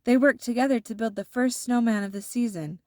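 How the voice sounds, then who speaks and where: A woman with a fairly high voice narrates a children's story, expressive and deliberate in her telling. It's recorded at studio quality without any echo.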